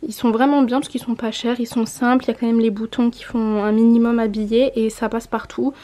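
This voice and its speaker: This haul vlog features a mom vlogger in her twenties chatting casually, showing clothes to the camera and correcting herself as she talks. Her warm, higher-pitched voice stays level in tone and moves fairly quickly. She's filming in a room at home near a window.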